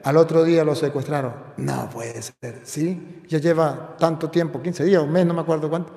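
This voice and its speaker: Preacher doing a crying mom begging for help, echoey room. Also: male voice, fairly high pitch, fairly even intonation, normal speed, vocal fry, dark tone. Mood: pleading. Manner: pleading, distressed. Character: tearful middle-aged mother pleading. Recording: echoey hall with long reverb.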